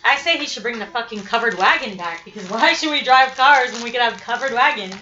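A woman's voice: fairly high pitch, expressive, fast talker, pushed and bright. A woman co-hosting a podcast in casual chat, blunt and sarcastic, cursing freely. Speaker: podcast co-host. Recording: roomy, dull sound with noise. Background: noise.

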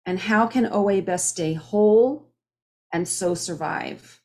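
A woman's voice: mid-range voice, takes it slowly, mellow. A woman in her fifties giving a personal share at a recovery meeting, earnest and conversational, often restarting her sentences. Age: 50s. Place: home, speaking on a video call. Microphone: video call microphone.

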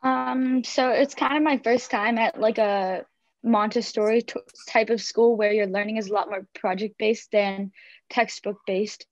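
A woman student answers at mid pitch in a flat, even voice, pausing often with "um" and "like." The call audio sounds dull and dry, with no room around it. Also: no echo. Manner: hesitant, many ums and likes. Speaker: student guest. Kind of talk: casual interview answer.

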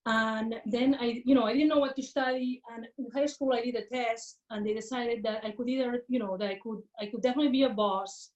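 Casting: woman guest, halting and chatty, higher voice, heard from a distant video-call mic. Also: steady tone, lo-fi sound. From Catalonia, Spain. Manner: warm, halting, with frequent fillers and repeats. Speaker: guest academic. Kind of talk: casual interview talk on a video call. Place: home in a rural area outside Barcelona, window open.

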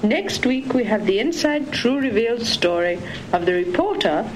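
A woman heard from an old home tape recording, talking and reading aloud at home in a lively, sing-song way. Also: fairly high pitch, moderate pace, slight background noise, poor audio.

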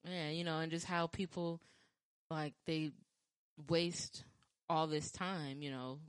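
A woman chatting casually about her dating experiences, rambling with frequent restarts and fillers, and acting out quoted lines with lively jumps in pitch. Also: slow pace, clean tone, no echo. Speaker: podcast talker sharing dating stories. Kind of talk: casual chat.

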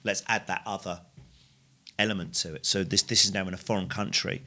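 A middle-aged man, talking candidly on a podcast, halting and repeating himself, now and then swearing. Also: deep voice, steady tone, bright, forceful tone. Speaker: podcast co-host sharing his story. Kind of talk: candid conversational podcast talk.

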